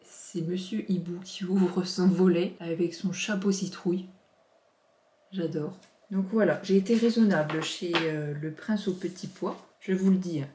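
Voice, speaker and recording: A woman's voice: lowish voice, mellow, a little hiss or hum. Gushing French woman in a roomy room. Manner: gushing, chatty, lots of exclamations. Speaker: vlogger. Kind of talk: casual unboxing chat. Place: home office. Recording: roomy echo.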